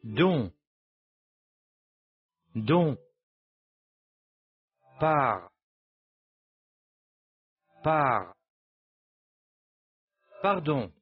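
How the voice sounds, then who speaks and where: A man modeling pronunciation for a language course, repeating words slowly, syllable by syllable. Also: mid-range voice, big pitch swings, no echo. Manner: clear, slow syllable-by-syllable repetition. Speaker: native pronunciation speaker. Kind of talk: pronunciation drill. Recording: dry, dull lo-fi tape recording.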